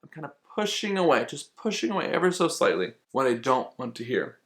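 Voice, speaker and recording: A man's voice: mid-range voice, very animated, a little fast, music in the background. A man talks through a flute solo as a teacher, patient and methodical. He repeats his key points to drive them home, with a mid-range voice that sits in an everyday register. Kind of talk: instructional explanation.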